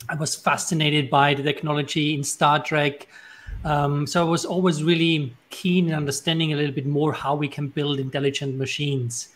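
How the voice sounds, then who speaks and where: A man in his forties from Austria with an Austrian German accent, telling his career story on an online panel over a video call, steady and friendly with frequent ums. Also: a little high, moderate pace. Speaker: robotics professor, panelist. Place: home room with bookshelves. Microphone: video call with earphones.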